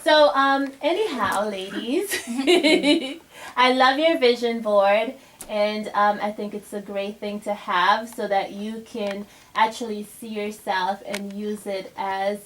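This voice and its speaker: A woman's voice: mid-range voice, takes it slowly, fairly bright tone, poor audio. A young woman giving a casual motivational talk to a group of girls, chatty, with many fillers and restarts. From Bahamas. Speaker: guest speaker to a girls' group.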